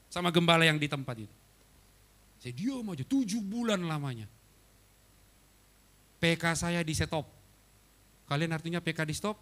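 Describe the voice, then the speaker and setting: A male pastor preaching a sermon, telling a personal story with animated swings from loud outbursts to quiet asides. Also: fairly high pitch. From Batak. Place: church hall.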